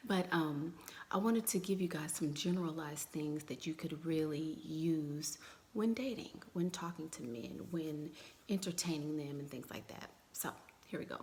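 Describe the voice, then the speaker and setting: A woman vlogging on her phone at home, mostly whispering in a chatty, blunt, slangy way, with a few louder bursts. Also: low-pitched, moderate pace, a little hiss or hum. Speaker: vlogger giving dating advice. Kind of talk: casual chat to camera. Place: home, indoors.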